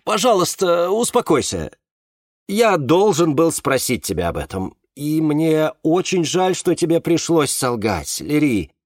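An evasive, soothing man on a speakerphone, voiced by a male narrator. His voice rides higher than the narrator's, louder, with lively rises as he calms others. Dry, close sound. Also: unhurried, no echo. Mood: placating. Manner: placating.

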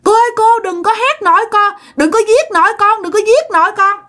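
A woman voicing a frightened little girl who cries out in a high, shrill voice. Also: sing-song, moderate pace, a bit bright. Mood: terrified pleading. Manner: shrill, crying out. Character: small girl, frightened, pleading.

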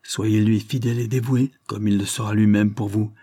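A man's voice: lowish voice, flat delivery, moderate pace, warm tone, close to an everyday voice. A man reading the part of a proud, emotional old English lord in an audiobook, making solemn, heartfelt speeches.

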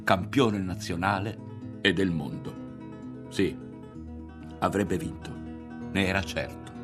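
Man, audiobook reader, low-pitched, expressive, soft music behind. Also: takes it slowly. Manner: dramatic, expressive narration. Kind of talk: literary reading with voiced characters.

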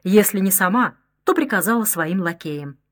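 A woman's voice: medium pitch, moderate pace. Woman narrating a dramatic novel. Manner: dramatic, expressive storytelling. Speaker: audiobook narrator. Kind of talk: scripted narration.

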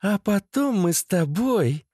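A man's voice: high voice, expressive, takes it slowly, darkish tone, husky, dry recording, studio quality, pitched above the performer's own voice, exaggerated voice. Man squealing as a psycho girlfriend. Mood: wheedling. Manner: squealing, wheedling. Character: unhinged, sadistic young woman, shrill and clingy.

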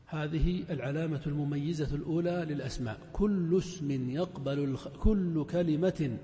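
A man leads a grammar lesson in a large mosque, going step by step through examples and putting questions to his students. His voice sits a little high with a mellow, soft edge. The sound rings out with long reverb across the hall. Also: moderate pace. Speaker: grammar teacher.

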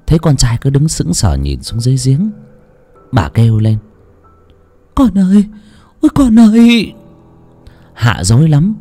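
A man narrating a horror audiobook dramatically. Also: mid-range voice. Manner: dramatic, expressive. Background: faint music.

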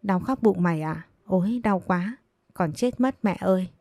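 A woman's voice: mid-range voice, moderate pace, dark tone, no room sound, lightly acted. Sly, whining servant girl, read by a woman storyteller; dry, close sound. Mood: whiny. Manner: whining, pleading.

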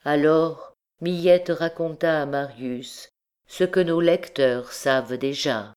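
Woman narrator for a classic novel, unhurried and measured, lowish voice. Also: a little mellow, smooth. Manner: measured, deliberate reading. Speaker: audiobook reader. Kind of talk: literary audiobook narration.

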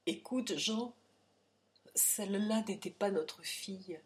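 A woman voicing a gentle, grief-stricken mother who speaks in a broken hush in a dramatic audiobook reading. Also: medium pitch, slow, natural voice. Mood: grieving. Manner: hushed, broken whisper.

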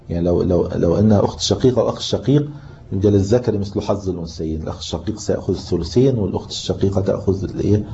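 A man's voice: on the low side, mellow. A man teaching Islamic inheritance law in a classroom lesson, with an Egyptian Arabic accent, explaining patiently and quizzing his students. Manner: explains patiently, asks the class questions, reads from the book. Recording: muffled lo-fi tape with faint hiss.

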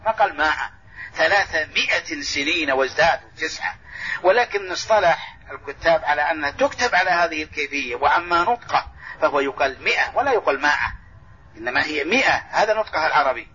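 A man's voice: a little high, animated, fast, bright, forceful tone, slight background noise. A man teaching a mosque lesson as sheikh, explaining and correcting points and restating them again and again, heard on a dull old tape recording. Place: large mosque lesson hall.

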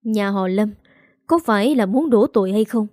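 A woman's voice: mid-range voice, moderate pace, a little mellow, dry recording, studio quality, natural voice. A woman voicing an angry middle-aged father who protests while holding back his temper, in a spoken story. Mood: indignant. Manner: forcing down anger, protesting.

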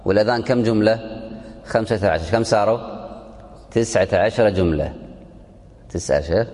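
Low-voiced male teacher in a reverberant hall. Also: normal speed, a little mellow. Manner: repeats key phrases and quizzes students. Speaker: sheikh teaching a fiqh text. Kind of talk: classroom lesson explaining a text.

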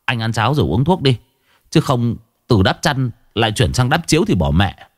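A man's voice: mid-range voice, very animated, moderate pace, no room sound, studio quality. A man voicing a cunning, sweet-talking young trickster. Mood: coaxing. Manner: coaxing, smooth-talking.

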